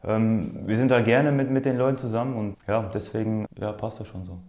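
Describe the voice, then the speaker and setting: This footballer, a native Polish speaker who was born in Poland and grew up in the Ruhr area, answers an interview casually, repeating himself and hunting for words. He speaks fairly quickly in a low, steady, darkish voice. The audio is dull, with a roomy echo.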